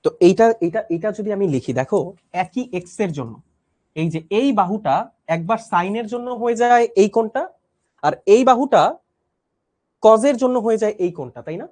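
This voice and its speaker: A young man teaching a live online math class, speaking softly with a strained voice, patiently repeating each step and often checking whether students follow. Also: high-pitched, animated, brisk.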